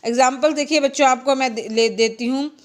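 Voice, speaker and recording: A woman teaching English grammar to children in Hindi. She reads English example sentences slowly, explains them, and asks questions that she answers herself. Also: high voice, fairly even intonation. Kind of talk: bilingual classroom grammar lesson.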